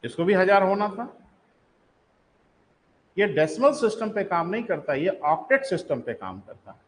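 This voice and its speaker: A man with a Hindi accent teaches geography in a live online class, his voice sitting high. He keeps quizzing the students and answering himself, calling them "beta". A faint hum of noise sits behind him. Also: very animated, normal speed, rough recording. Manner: calls students "beta", asks and answers his own questions.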